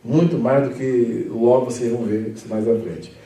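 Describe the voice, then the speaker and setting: A man, a pastor leading a Bible study lesson, who explains patiently, reads scripture slowly and with emphasis, and chuckles often. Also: mid-range voice, steady tone, mellow. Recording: echoey room, mic at a distance.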